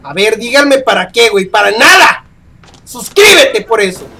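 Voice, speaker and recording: High-pitched Mexican gamer shrieking in panic. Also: male voice, sing-song, normal speed, sharp tone. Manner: shrieks in panic and swears constantly. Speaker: gaming youtuber. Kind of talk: horror gameplay commentary.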